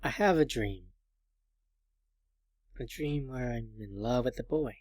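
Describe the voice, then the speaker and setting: A man reading the quiet, confessional inner monologue of a lonely, fearful teenage schoolgirl in a visual novel. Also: mid-range voice, unhurried, no room sound, clean studio sound, lightly acted.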